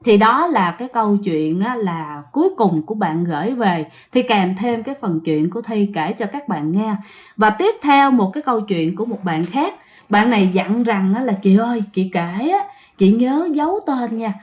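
A woman's voice: medium pitch, expressive, moderate pace. A woman telling ghost stories in a chatty way, often speaking directly to her listeners. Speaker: ghost story narrator. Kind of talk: chatty ghost story storytelling. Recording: dull lo-fi recording.

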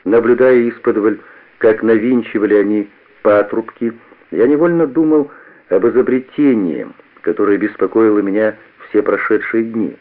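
A man giving an expressive, measured first-person narration of a story, recorded on a tinny lo-fi old radio recording. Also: lowish voice.

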